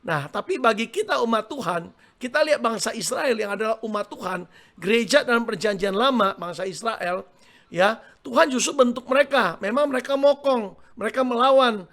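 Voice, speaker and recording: Male pastor, middle-aged, gravelly and high-pitched, lively sermon delivery. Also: normal speed. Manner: animated preaching, calls to the congregation.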